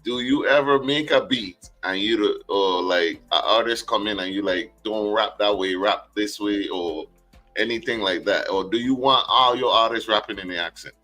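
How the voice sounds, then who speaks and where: A man's voice: lowish voice, normal speed, bright, forceful tone, soft background music, low-quality recording. A man hosting a live stream interview, asking easygoing, slangy questions. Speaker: host. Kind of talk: casual interview chat. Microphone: live stream call.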